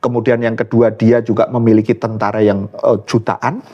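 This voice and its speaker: A man's voice: lowish voice, level tone, moderate pace, darkish tone, lo-fi sound. A man, a guest scholar giving political commentary in an interview, earnest and often searching for words with fillers and restarts. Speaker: guest speaker, Islamic scholar.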